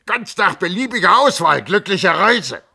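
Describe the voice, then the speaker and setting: Man putting on a hot-headed doctor in an audiobook, loud and high, barking at patients. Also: animated, normal speed. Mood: raging. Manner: gruff, blustering, explodes into shouting. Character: irascible middle-aged male sanatorium chief doctor. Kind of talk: audiobook reading.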